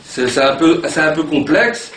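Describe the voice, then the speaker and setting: Guy teaching a class, kinda high voice, far off in a roomy classroom. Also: normal speed. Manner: animated, repeats sounds to demonstrate pronunciation. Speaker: Arabic teacher. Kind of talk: classroom lesson. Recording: echoey room from far off, background noise.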